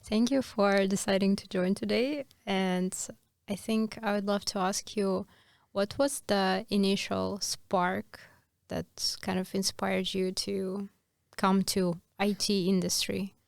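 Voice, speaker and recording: Gravelly-voiced woman hosting a podcast. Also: medium pitch, steady tone, slow pace, no room sound, studio quality. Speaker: podcast host. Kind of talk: podcast interview.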